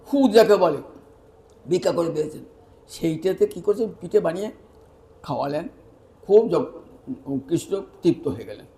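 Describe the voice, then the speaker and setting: A man giving a devotional sermon as a storyteller, acting out the lines of the people in the tale. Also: sits high. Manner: animated, acts out the dialogue of the tale. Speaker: preacher.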